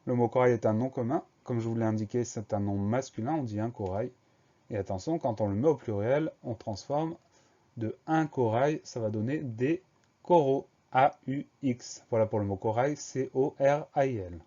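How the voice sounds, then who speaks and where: A man teaching a spelling lesson for young schoolchildren, going slowly and spelling each word letter by letter. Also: mid-range voice, dark tone, muffled recording. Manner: slow, spells words letter by letter.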